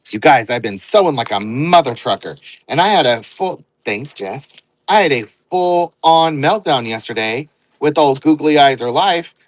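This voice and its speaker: A man's voice: fairly high pitch, no echo, rough recording. A man hosting an online live sale, rambling and joking as he counts out items aloud. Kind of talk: casual live-selling chatter.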